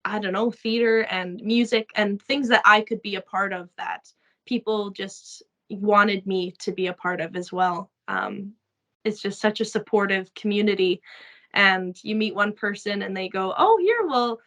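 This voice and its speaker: A young Canadian woman chatting through an interview, talking freely with lots of "um"s and quick laughs. Her voice is bright and forward, at a middle pitch for a woman. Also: flat delivery, low-quality recording. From Saskatchewan, Canada. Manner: chatty, many fillers, laughs often. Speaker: actress interviewee. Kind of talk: casual interview chat.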